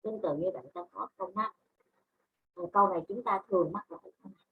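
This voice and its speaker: Vietnamese-accented woman English teacher, husky and unhurried, on a dull lo-fi recording. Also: medium pitch. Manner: spells out words letter by letter, switching to Vietnamese to explain. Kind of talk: online class lesson.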